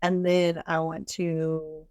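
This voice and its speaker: A woman's voice: low-pitched, flat delivery, slow pace, darkish tone, clear, resonant tone, no room sound. A woman playing a tabletop game, thinking aloud as she decides what her character does. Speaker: player. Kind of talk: casual tabletop play.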